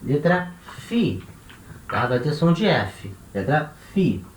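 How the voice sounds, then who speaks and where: Man, Brazilian accent, language teacher, very slow lesson delivery, roomy echo. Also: a little high, big pitch swings, a little hiss or hum. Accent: Brazilian Portuguese. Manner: slow, drawn-out, repeats each letter and sound with tá and né. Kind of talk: classroom-style lesson. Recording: echoey room.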